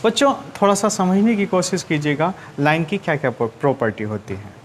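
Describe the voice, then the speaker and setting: A man's voice: fairly high pitch, lively intonation, moderate pace, slight background noise. A man teaching maths to schoolchildren in Hindi-accented speech, who asks questions, answers them himself and keeps repeating his points. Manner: often calls students "children". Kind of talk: classroom lesson to children.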